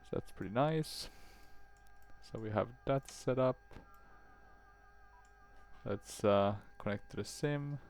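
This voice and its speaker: A man's voice: medium pitch, takes it slowly, vocal fry, pauses often, faint music behind. A man giving casual gameplay commentary on a flight simulator, thinking aloud in short phrases.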